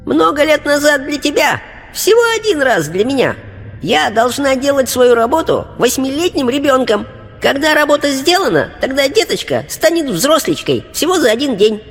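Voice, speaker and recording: A man's voice: big pitch swings, normal speed, a bit bright, long reverb tail, faint music behind, heavily acted. A man doing a piping little spirit girl. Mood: chatty. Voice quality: very thin high babyish voice. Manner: lisping baby talk, diminutives. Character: spirit of an eight-year-old girl, cheerful, chattering. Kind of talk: audiobook character voice.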